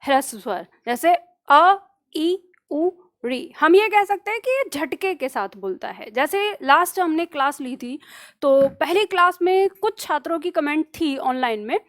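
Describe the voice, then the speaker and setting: A high-voiced woman teaches Hindi grammar in an online exam-prep lesson, speaking slowly in a sing-song way. She repeats phrases slowly for dictation and poses questions that she answers herself.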